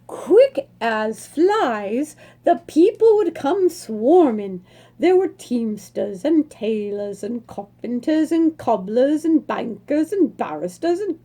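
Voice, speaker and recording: This is a high-pitched woman reading a picture book to kids, lingering slowly and expressively over each phrase. The tone is soft and mellow without any edge. Her lively, sing-song manner recalls a librarian at story time.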